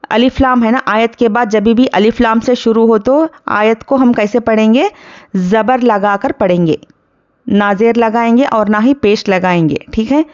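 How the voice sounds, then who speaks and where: A woman with a slightly high, darkish voice teaches tajweed in a muffled recording. During this Quran recitation lesson she goes slowly and patiently, drawing out each Arabic word before explaining the rule that applies.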